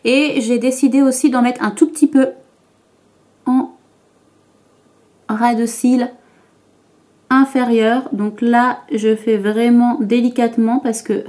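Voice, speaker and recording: A woman's voice: on the high side, steady tone, takes it slowly, long pauses, a little mellow. A woman vlogger talking through her makeup routine to camera, chatty and hesitant, with frequent fillers and restarts. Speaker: beauty vlogger. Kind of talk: makeup tutorial talk to camera.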